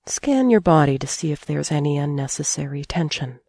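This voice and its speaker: A meditation teacher guides listeners toward sleep in a low, mellow voice with some vocal fry. Calm and soothing, she sets her phrases out in a measured way with long pauses. The recording is very dry and close-miked, with no room sound at all.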